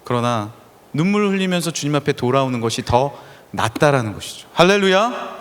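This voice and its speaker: A man preaching a sermon as pastor, telling stories in an animated way and acting out the people he quotes. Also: medium pitch, fast. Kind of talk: lively sermon with acted-out quotes. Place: church sanctuary. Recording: reverberant church hall.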